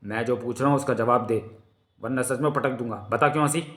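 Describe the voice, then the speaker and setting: A man voicing a bad-tempered wolf-kin man with a tail, rough and scolding, in a comic reading. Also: mid-range voice, a little fast, close to an everyday voice. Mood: angry. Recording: roomy echo.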